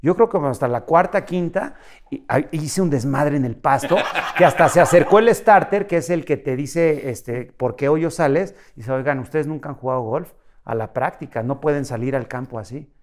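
A man with a Mexican accent, a guest in a casual interview, telling animated stories and acting out dialogue. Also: on the high side, normal speed. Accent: Mexican Spanish. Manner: animated, acts out dialogue with shifts in voice.

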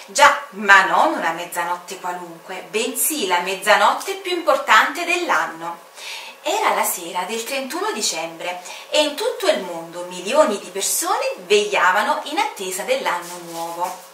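A woman's voice: mid-range voice, sharp tone, roomy sound, distant mic, slight background noise. A woman storyteller host reading a fairy tale aloud to children, speaking to the child directly in a coaxing way.

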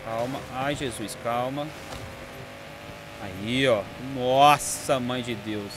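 A young Brazilian man with a Brazilian Portuguese accent, chatting excitedly and slangily while playing a racing game. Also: medium pitch. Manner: excitable, chatty, slangy, calls himself to calm down. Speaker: gaming YouTuber. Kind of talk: excited gameplay commentary. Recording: game audio noise behind.

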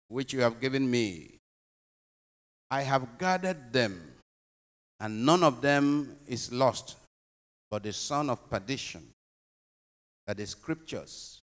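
A male priest reading the Gospel and posing homily questions in a slow, deliberate, solemn way, phrases swelling and fading, with a long cathedral-like echo around him. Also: medium pitch, a bit bright.

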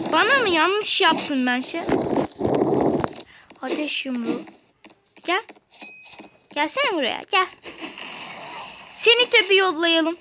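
A high-voiced woman hosts a gaming channel, keeping up a lively running commentary and chatting directly to her viewers. She taunts rival players as she plays. There is a clear hiss of noise behind her voice. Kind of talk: excited let's-play commentary. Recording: noisy home recording.

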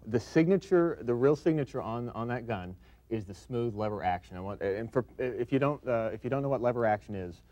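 A man's voice: mid-range voice, lively intonation, brisk, warm tone. A middle-aged man hosting a television interview, presenting in a conversational way from a studio. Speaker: TV show host. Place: TV studio set, indoors.

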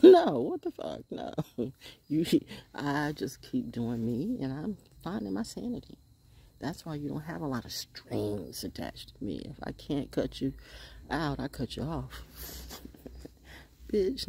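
Outdoors on a wooden deck in the woods, a sixtysomething woman vlogs into a phone held close at arm's length, her monologue sassy and profane with whispered asides. She has a rumbling low, creaky, dark voice, and slight background noise can be heard.

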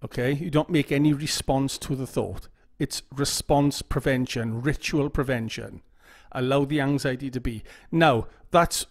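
A man with a slightly high, darkish-toned voice, a YouTube OCD educator, gives a casual instructional talk to camera. He often repeats phrases and checks in with "okay?".

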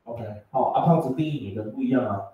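A man's voice: mid-range voice, fast talker, mellow, muffled recording. A male English teacher, lecturing a class and teasing students as he explains words. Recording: echoey classroom from far off.

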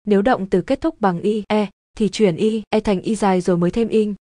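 Mellow, dry-voiced woman teaching grammar. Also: medium pitch, dry recording. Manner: even, measured explaining. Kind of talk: scripted grammar lesson narration.

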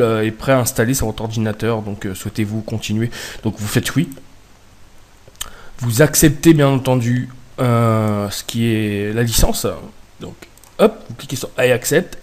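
A man from France walking through a software setup in a casual tutorial, with frequent hesitations and self-corrections. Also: mid-range voice. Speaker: tutorial host.

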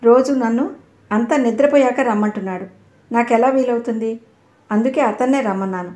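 A woman's voice: a little high, a little fast, warm tone, echoey room, close to an everyday voice. A woman reading a naive young girl. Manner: innocent, earnest. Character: naive innocent teenage girl.

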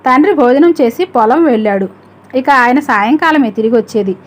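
High-voiced woman reading an audiobook. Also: animated, normal speed. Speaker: storyteller. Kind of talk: audiobook narration.

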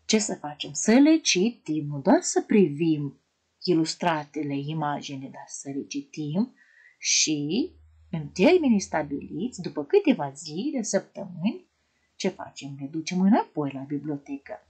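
Husky-voiced woman teaching young children. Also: deep voice, very animated. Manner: gentle, sing-song teacher talk to children, asking questions. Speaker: primary school teacher. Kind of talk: online lesson for young children.

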